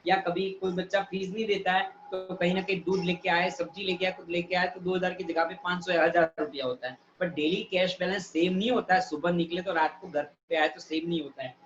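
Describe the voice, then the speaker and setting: A male teacher giving a live online class, repeating definitions slowly and quizzing students by name. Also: high-pitched, fairly bright tone, slight background noise. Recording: echoey, distant, dull sound.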